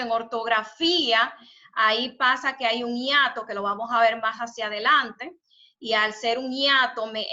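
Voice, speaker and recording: Woman teacher on a zoom class, bright voice, a bit high, dull lo-fi call audio. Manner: encouraging, praises students' answers. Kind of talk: live online class. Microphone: video call.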